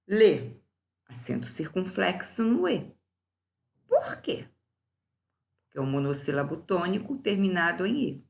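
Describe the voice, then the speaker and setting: Low-voiced with big pitch swings and vocal fry, this woman teacher takes a recorded class through grammar exercise answers. She goes slowly and deliberately, drawing out each example word.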